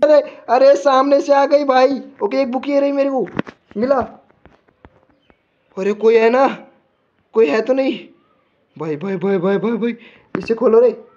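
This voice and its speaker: A man's voice: very high-pitched, measured pace, long pauses, darkish tone, lo-fi sound, slight background noise. A man commenting as he plays a horror game, jumpy and panicky, talking to himself. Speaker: gamer.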